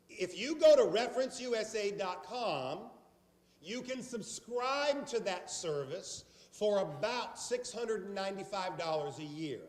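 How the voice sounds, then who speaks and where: A man from South Carolina with a South Carolina accent, giving a blunt, emphatic sales training seminar to a live audience. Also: sits high. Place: large meeting hall before a live audience. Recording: echoey hall reverb.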